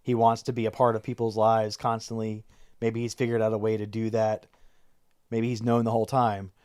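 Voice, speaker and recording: A man co-hosts a podcast and talks through his theories about a film in an analytical, casual way, often restarting his sentences. His voice sits at an ordinary pitch, recorded close with no echo. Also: monotone, brisk, a little mellow, smooth. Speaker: podcast co-host. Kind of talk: casual chat about a movie.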